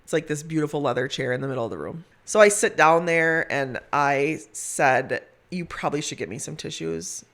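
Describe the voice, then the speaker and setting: Female hospice nurse storyteller: gravelly fry in the voice, heartfelt and emphatic, conversational. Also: low voice, moderate pace, few pauses, a bit bright. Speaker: hospice nurse, podcast guest.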